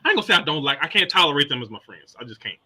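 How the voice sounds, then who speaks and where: Man with a very bright, sharp-edged voice, a bit high, methodically arguing a point. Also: sing-song, breathy edge. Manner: deliberate, repeats words while building an argument. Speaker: panelist. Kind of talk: casual live panel talk.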